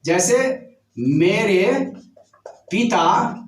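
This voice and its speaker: A male teacher giving a classroom lecture, explaining step by step, repeating key words slowly and checking in with his students. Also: sits high, expressive, roomy sound, far from the mic, a little hiss or hum, rough recording. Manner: addresses students with checking questions.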